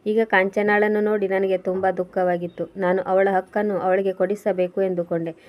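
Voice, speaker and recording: A woman's voice: medium pitch, little pitch movement, moderate pace, muffled recording, close to an everyday voice. A woman voicing a grieving transgender woman, Bhavani, who recounts her past in a plaintive, pleading tone. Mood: sorrowful.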